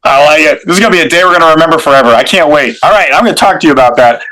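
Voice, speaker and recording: A man's voice: on the high side, rapid-fire, sharp tone, rough recording. A man hosting a studio interview show, talking with enthusiastic, effusive praise. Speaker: show host.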